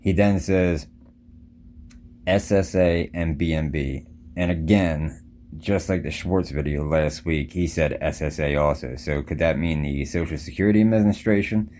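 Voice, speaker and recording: A man's voice: extremely low pitch, normal speed, a little mellow. A man hosting a show with casual, conspiratorial commentary, insistently repeating his points. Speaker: host of a crypto show.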